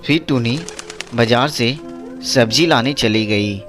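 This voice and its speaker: A woman narrating a children's cartoon story slowly, phrase by phrase. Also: very deep voice, soft background music. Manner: slow, phrase-by-phrase telling.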